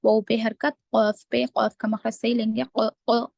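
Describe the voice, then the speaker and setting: A woman teaching Quran recitation rules in a class, slow and deliberate, drawing out the recited words and then explaining each rule. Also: on the high side, level tone, vocal fry, a little mellow, dry recording. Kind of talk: online tajweed class.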